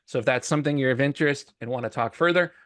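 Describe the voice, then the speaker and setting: A man gives a confident, joking pitch for his marketing firm. His voice sits mid-range and sounds dry and close, with no room around it. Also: rapid-fire, a bit bright, no echo. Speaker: sponsor representative, marketing. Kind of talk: short pitch speech.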